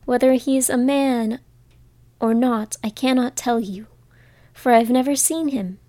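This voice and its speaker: A woman voicing a kind-hearted little old witch woman who speaks gently and motherly in a storybook reading. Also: a little high, measured pace, dry recording, natural voice. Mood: gentle.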